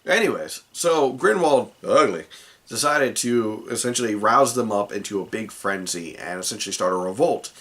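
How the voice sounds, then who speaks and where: A man's voice: fairly low pitch, lively intonation, moderate pace, a bit bright. A man recounting a tabletop game session as the dungeon master, rambling with many asides. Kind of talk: casual tabletop game recap.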